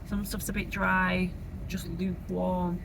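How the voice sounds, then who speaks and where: A woman's voice: fairly low pitch, level tone, measured pace. A young woman with a Northern English accent, chatting informally and rambling through a casual travel vlog. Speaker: travel vlogger. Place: inside a moving car. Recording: clear car and road noise. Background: car engine and road noise.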